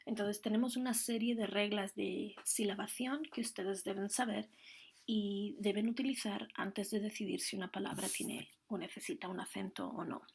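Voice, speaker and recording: A woman's voice: mid-range voice, fairly even intonation, moderate pace, gravelly, slight background noise. A woman teaching a grammar lesson, explaining the rules patiently and carefully, one step at a time. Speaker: Spanish teacher.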